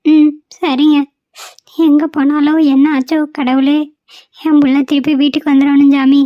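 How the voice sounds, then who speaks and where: Woman voicing a fretful cartoon mother, high voice, slightly dull dry recording. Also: flat delivery, normal speed, no room sound, close to an everyday voice. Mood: anxious. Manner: fretful, pleading. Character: anxious middle-aged mother, pleading and prayerful. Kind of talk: cartoon voice acting.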